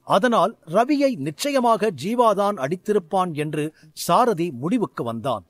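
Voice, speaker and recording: A man narrating a scripted fantasy story in an expressive way. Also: high-pitched, unhurried, no echo.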